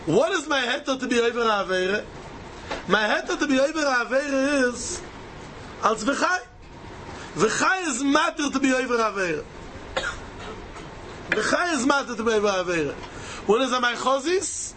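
High-pitched male Torah teacher with Yiddish accent. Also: expressive, normal speed, long pauses, pushed and bright, slight background noise, rough recording. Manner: emphatic, repeats key phrases. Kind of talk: Talmud lesson, rhetorical questions and answers.

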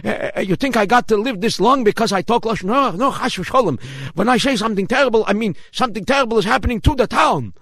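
A man's voice: high voice, quick pace, fairly bright tone, no echo, studio quality. A man playing a fretful old townsman who stammers and hurries, in a children's story. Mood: protesting. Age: older. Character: fretful old townsman seeking the rabbi's help.

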